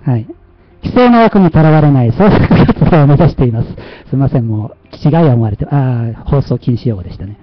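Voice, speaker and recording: A man's voice: mid-range voice, lively intonation, brisk, dry recording, muffled recording. Chatty Kansai-accented man hosting a livestream. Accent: Kansai Japanese. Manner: chatty and self-mocking, laughing often. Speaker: livestream host. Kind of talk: casual livestream talk.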